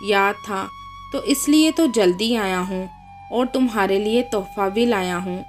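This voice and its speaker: A woman's voice: medium pitch, unhurried, faint music behind, natural voice. A woman voicing a young husband and protective son in a read-aloud story, speaking plainly and directly.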